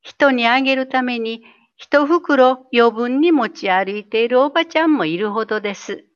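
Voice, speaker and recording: A woman giving a gentle, unhurried scripted essay reading that acts out dialect phrases. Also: fairly high pitch, clean tone, highs cut off.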